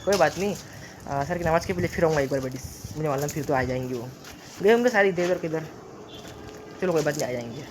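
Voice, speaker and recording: A young man vlogging casually to his phone camera, chatty, sometimes dropping to a hushed voice. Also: a little high, lively intonation, fast, background noise. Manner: chatty, repeats a filler word, drops to a hushed voice near the mosque. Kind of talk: casual vlog chat to camera. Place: outdoors and at home, walking around.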